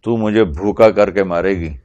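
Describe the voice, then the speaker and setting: A man's voice: low-pitched, lo-fi sound, close to an everyday voice. A man voicing an angry, stingy husband who scolds his wife for feeding a guest. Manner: scolding, shouting. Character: angry stingy male tent-dweller.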